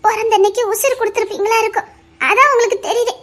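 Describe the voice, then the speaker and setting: A tiny, tender daughter pleads with her father in an audio drama, her very high voice wavering between tears and nervous laughter. She sounds soft and small, each plea breaking a little. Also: steady tone, racing. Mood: tearful pleading. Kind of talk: Tamil audio drama acting.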